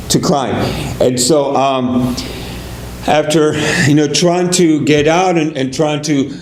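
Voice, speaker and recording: A male pastor telling a parable at a fundraiser, in a halting style with many fillers. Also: on the high side, a little mellow. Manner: halting, filler-heavy storytelling. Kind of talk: sermon storytelling. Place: fundraiser event hall. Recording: echoey hall, faint noise.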